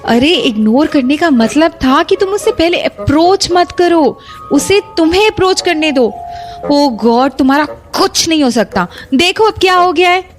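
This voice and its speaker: A woman's voice: high-pitched, animated, measured pace, faint music behind. A woman playing a bossy, teasing young friend. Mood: scolding. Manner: teasing, scolding. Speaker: actor. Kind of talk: Hindi audio drama acting.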